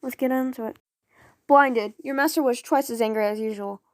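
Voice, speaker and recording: A woman's voice: fairly high pitch, normal speed, dry recording. A woman casually reading fan fiction aloud, often stumbling over words and apologizing. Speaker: audio story reader.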